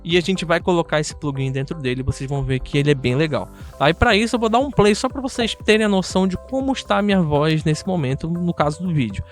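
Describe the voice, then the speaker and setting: High-voiced Brazilian man hosting a tutorial. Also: expressive, fast, few pauses, faint music behind. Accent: Brazilian Portuguese. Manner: chatty, addresses viewers directly with frequent tag questions. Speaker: host of an audio software tutorial channel. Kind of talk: casual video tutorial.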